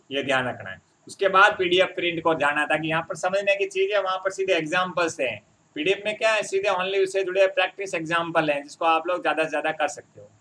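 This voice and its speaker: A man's voice: fairly high pitch, sharp tone. A man teaching a Hindi grammar lesson, explaining step by step and often checking that his students follow.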